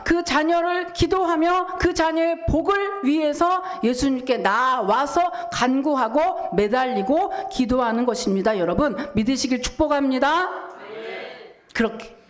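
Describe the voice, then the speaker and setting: A middle-aged woman pastor with a high voice preaches a sermon, telling a story vividly and putting rhetorical questions to the congregation.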